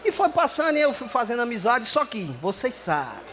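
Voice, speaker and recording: A man telling a story in stand-up comedy, lively and acting out the dialogue. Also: very high voice, fairly quick.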